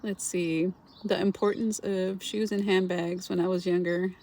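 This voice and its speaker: With a mellow, rather low voice and level tone, a middle-aged woman from Los Angeles speaks a little slowly while hosting a casual livestream. On her frugal-living channel she reads viewer comments aloud, calls viewers by name, and laughs often.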